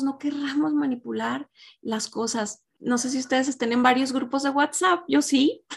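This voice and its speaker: A woman gives a devotional lesson to a group of women. Her voice sits a little high with a gravelly, creaky edge, and she talks in a conversational way, often turning to her listeners with questions. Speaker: Bible study teacher for women. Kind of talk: devotional teaching.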